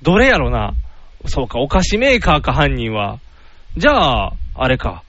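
A man with a Kansai accent co-hosting a casual chat, animated and jokey, acting out silly little scenes. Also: mid-range voice, moderate pace. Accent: Kansai Japanese. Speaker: podcast co-host. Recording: slightly dull lo-fi sound with faint noise.

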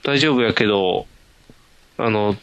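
Man, Kansai accent, podcast co-host, casual chat, bright voice, dry close mic. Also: on the low side, slow pace, clear, resonant tone, no room sound, lo-fi sound. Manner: easygoing, laughing, lots of backchannel nods.

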